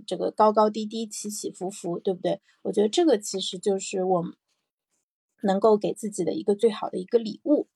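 A woman's voice: mid-range voice, vocal fry, dark tone, husky, dry recording, clean studio sound. A woman hosting a personal morning audio show, talking casually and reflectively, thinking aloud with repeated phrases and little check-in questions. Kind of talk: casual reflective solo podcast talk.

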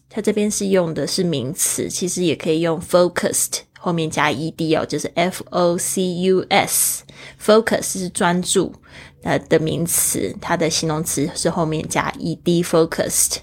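A woman's voice: fairly low pitch, unhurried. A woman hosting a language lesson, patiently explaining English words and spelling them out letter by letter. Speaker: English teacher and podcast host. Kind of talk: bilingual vocabulary lesson.

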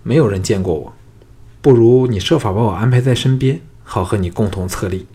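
A male audiobook reader voicing a proud, cold, teasing young swordswoman, a little higher and louder than his narration. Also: normal speed, husky. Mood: haughty.

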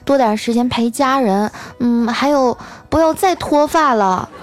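A woman's voice: on the high side, measured pace, voice pushed up, close to an everyday voice. A woman voicing a chirpy, daydreaming young coworker who talks in a bubbly, giggly way. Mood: whiny, dreamy.

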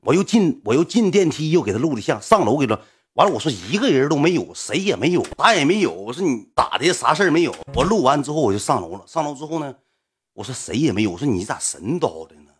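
A man with a Northeastern Chinese accent telling a story casually to a livestream audience, animated and colloquial, swinging between loud and hushed. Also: mid-range voice, quick pace, slightly rough. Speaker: livestream host.

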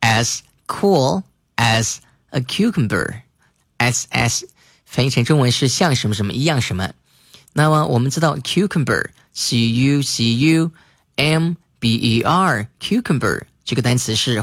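A man's voice: mid-range voice, expressive, fairly bright tone, no echo, studio quality. Man teaching English words. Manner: explains slowly, spells words letter by letter, repeats sentences. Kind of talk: spoken English lesson.

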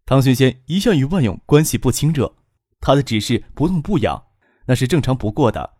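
Expressive male audiobook narrator. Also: mid-range voice, a little fast, dry recording, clean studio sound.

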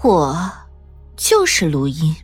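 A woman's voice: wildly swooping pitch, slow pace, husky, dry recording, soft background music, exaggerated voice. A woman voicing a cold, scheming pregnant young woman who speaks in an icy sneer. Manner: icy, sneering, low-voiced.

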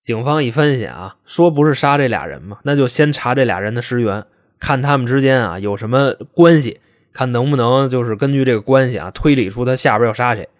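A young man recounts a true-crime case like a fireside chat. His telling is colloquial and full of wry asides. His pitch sits mid-range but rises and falls a lot. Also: expressive, a little fast. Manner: chatty, joking asides, colloquial. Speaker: podcast host and storyteller. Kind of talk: casual true-crime storytelling.

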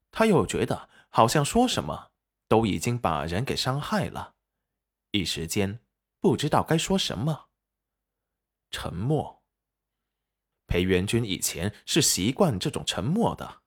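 A man narrating a serialized web novel audiobook with expressive storytelling. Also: on the low side.

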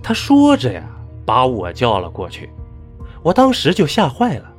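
A male storyteller telling an eerie village tale, his pitch leaping up and down with strong dramatic swings. Soft music runs quietly behind him. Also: wildly swooping pitch, normal speed. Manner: dramatic, rising and falling delivery. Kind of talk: scripted narration of a ghost story.

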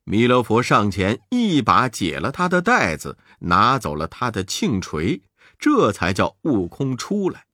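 Male storyteller, children's tale, slow and deliberate, pitch swoops widely, close dry sound. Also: wildly swooping pitch, sharp tone, no echo.

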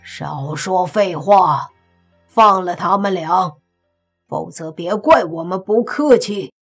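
This is a curt, icy young male zombie hero, voiced by a woman in an audiobook. He issues threats in a cold, clipped way, and the voice has a husky grain. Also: on the low side, slow, soft background music, heavily acted.

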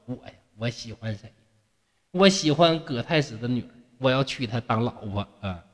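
A carefree young scholar, as a male storyteller puts him on, teasing and unhurried, tossing off jokey everyday retorts. His lively voice swoops up and down. It rings with a long reverb. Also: mid-range voice, pitched below the performer's own voice, natural voice. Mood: fond.

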